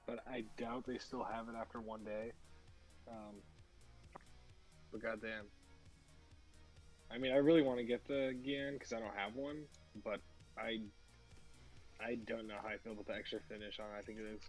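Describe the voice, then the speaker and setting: A man's voice: fairly low pitch, flat delivery, normal speed, pauses often, soft background music. A man chatting casually while building a model kit, swearing freely and rambling. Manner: loose, profane, rambling. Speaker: guest builder on a stream. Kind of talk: casual chat.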